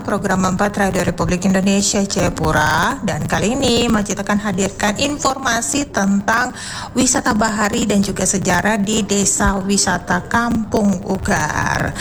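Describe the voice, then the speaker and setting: A woman hosting an informational radio programme, speaking semi-improvised with frequent tag words and hesitant pauses. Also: mid-range voice. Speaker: radio host. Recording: loud background noise, ambience.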